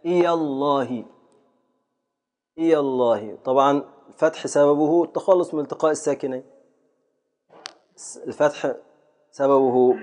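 A man with an Egyptian accent, a sheikh giving a classroom lecture on grammar and patiently repeating each example slowly. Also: a little high, a little mellow. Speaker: sheikh teaching a grammar text.

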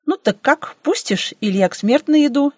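A woman's voice: sits high, lively intonation, normal speed, darkish tone, dry recording, clean studio sound, pitched above the performer's own voice. A woman voicing a skeletal female Death with a scythe in an audiobook, pushy and familiar. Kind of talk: audiobook reading.

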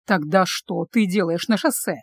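A woman voicing a worried, caring man who talks calmly on the phone in an audiobook. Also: medium pitch, normal speed, husky, no echo, studio quality. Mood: coaxing.

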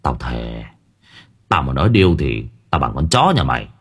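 A man voicing a gruff, blunt older village man. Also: very deep voice, big pitch swings, moderate pace, voice pushed down, heavily acted. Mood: insistent. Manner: blunt, rough-spoken.

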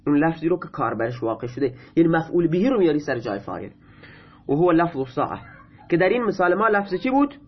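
Speaking with big swings in pitch, a husky, rather high-voiced man teaches Arabic grammar, reading each line before patiently putting it in his own words. Persian is his native language, and the audio is slightly muffled and low-fidelity.

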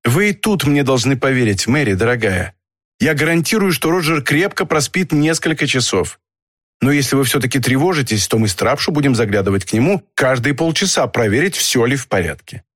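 Man voicing a brisk impatient doctor, commanding, dry close sound. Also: medium pitch, expressive, no echo, close to an everyday voice. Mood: reassuring. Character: middle-aged male doctor, brusque and commanding.

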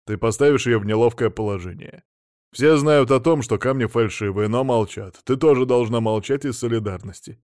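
A man's voice: mid-range voice, moderate pace, no room sound, clean studio sound, close to an everyday voice. A man voicing a blunt, hot-tempered middle-aged businessman husband. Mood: gruff. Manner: blunt, gruff, loud.

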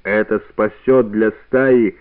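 A proud old wolf leader speaks with slow, stern dignity, as a male reader puts him on, building to solemn force. The sound is thin and boxy, like an old radio broadcast. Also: on the low side, steady tone, smooth. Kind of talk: radio play reading. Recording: narrow-band old radio recording.

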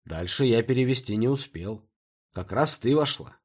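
A man's voice: medium pitch, animated, normal speed, a little mellow, breathy edge, pitched above the performer's own voice. A man reading a bookish young man. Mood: reading aloud. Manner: patient, mildly sarcastic. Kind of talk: audiobook character voice.

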